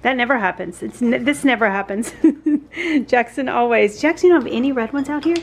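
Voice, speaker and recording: A talkative woman in her forties recording a home vlog in her kitchen, her voice sitting a little high. She rambles from one aside to the next and laughs easily. A faint hum of household ambience runs underneath. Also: a little fast, low-quality recording. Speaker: vlogger. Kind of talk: casual home vlog chat. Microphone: camera on the counter, sometimes handheld.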